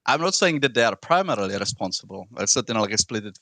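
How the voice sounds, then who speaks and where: A man who is not a native English speaker, with a foreign accent and rolled r's, argues in an informal political debate, often halting and repeating words. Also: on the low side, lively intonation, bright, forceful tone, dry recording. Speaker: debate participant.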